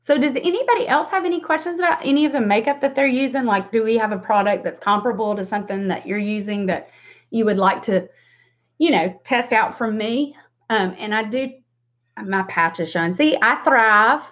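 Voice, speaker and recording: A woman's voice: fairly high pitch, a little fast, fairly bright tone. Southern woman on a dull lo-fi stream. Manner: informal, rambling, self-deprecating asides. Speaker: beauty livestream host and makeup seller. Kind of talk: casual chatty makeup tutorial livestream.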